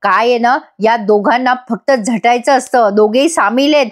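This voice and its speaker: A sharp-tongued young wife mocks and needles the others, as a woman reads her part. The voice sits fairly high. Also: normal speed, close to an everyday voice. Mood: snide. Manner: snide, mocking.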